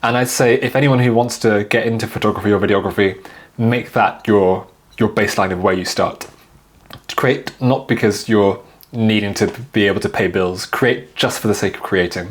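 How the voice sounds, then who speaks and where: This interview guest, a videographer in his twenties raised in China, talks at a normal speed in a fairly low-pitched voice. He's relaxed and casual, repeating words frequently and sprinkling in lots of "like."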